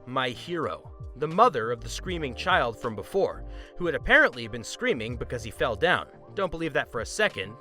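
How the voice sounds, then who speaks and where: A man narrating a first-person story in an expressive, scripted reading. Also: mid-range voice.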